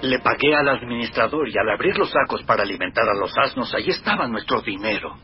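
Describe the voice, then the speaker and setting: An actor playing a grave, sensible brother in a Spanish biblical drama, speaking with emphasis. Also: male voice, medium pitch, expressive, quick pace, highs cut off, a little hiss or hum, natural voice. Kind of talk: Spanish-language dubbed biblical drama acting.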